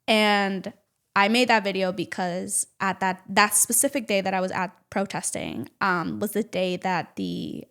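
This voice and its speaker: A woman guest on a casual podcast, telling her story in an animated way and often saying "like". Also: mid-range voice, unhurried. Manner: animated storytelling, heavy use of "like". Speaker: podcast guest, nonprofit advocate and activist.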